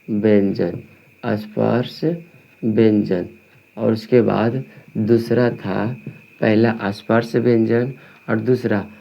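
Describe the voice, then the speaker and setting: A man with a Bihari Hindi accent teaching a grammar lesson, asking and answering his own questions and dictating slowly and repetitively. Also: mid-range voice, gravelly, dull audio. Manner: slow dictation, drawn-out words.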